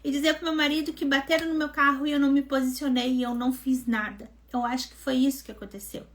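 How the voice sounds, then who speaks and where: A woman mentor hosting a live devotional, telling a personal testimony in a lively, conversational way and acting out what people said. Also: high-pitched, quick pace. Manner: animated storytelling, acting out quoted dialogue; conversational, addresses listeners as gente.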